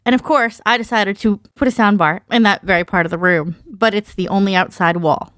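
A woman talks casually as a podcast panelist, joking and poking fun at herself. Her medium-pitched, slightly bright voice is fairly quick with fairly even intonation, and she's recorded close with no echo, her mic inside a foam-lined box in a small treated spot.

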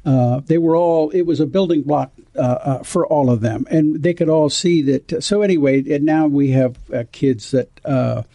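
A man with a gravelly, mellow voice speaks as an interview guest. He talks in a halting way, restarting often and leaning on fillers. The sound is close and dry. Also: on the high side, no echo. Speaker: foundation guest. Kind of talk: casual interview talk.

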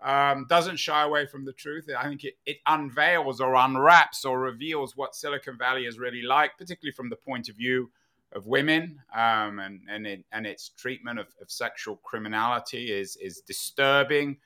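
A male interview host with a bright, forward voice at a middling pitch. He builds long conversational questions in a halting, meandering way, restarting phrases as he goes. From United Kingdom. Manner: halting, meandering, frequent false starts.

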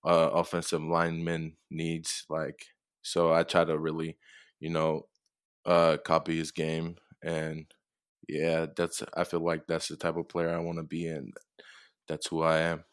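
A young man from Tonga, a football player being interviewed, answering in a soft, hesitant way with many fillers. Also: rumbling low, monotone, unhurried, clean tone, dry recording, clean studio sound. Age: young adult.

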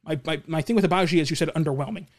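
A man's voice: a little high, racing. A man hosting a casual basketball podcast, answering listener questions in a rambling, opinionated way, often repeating and restarting words. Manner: opinionated, confident. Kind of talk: casual solo talk show.

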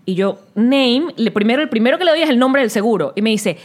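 Fast-talking woman telling stories. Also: fairly high pitch. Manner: animated storytelling, acts out phone calls. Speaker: podcast co-host. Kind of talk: casual chat.

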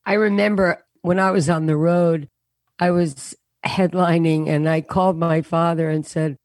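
A woman comedian telling stories in an interview over a remote call, her voice deeper than usual and worn from a show and rehearsals. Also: steady tone, darkish tone, no echo. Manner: anecdotal, self-mocking, quick punchlines. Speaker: comedian guest. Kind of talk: casual storytelling interview. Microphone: remote call over unstable internet.

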